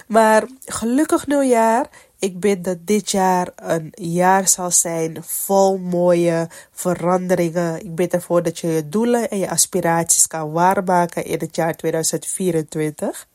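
A woman's voice: lowish voice, darkish tone, no room sound, clean studio sound. A woman hosting a solo podcast with a congested, stuffy nose from a cold, talking in a casual, reflective storytelling way about personal faith. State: has a cold. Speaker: podcast host.

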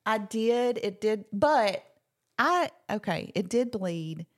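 A woman, co-hosting a podcast and telling a story in a casual, animated way, acting out quotes. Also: mid-range voice, takes it slowly. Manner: animated storyteller, acts out quotes, laughs often. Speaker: podcast co-host.

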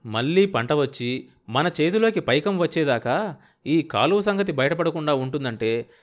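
A man's voice: fairly high pitch, animated, normal speed, pitched above the performer's own voice, close to an everyday voice. A man voicing a shrewd, stubborn middle-aged village farmer who talks bluntly and pushes hard. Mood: insistent. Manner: blunt, pushy and insistent.

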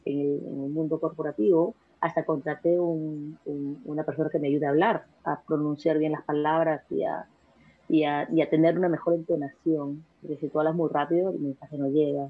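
A guest in a relaxed interview, this young woman from Peru speaks rapidly with plenty of energy, frequently starting over and repeating herself. Her low, husky voice comes across tinny and thin, like a phone call.

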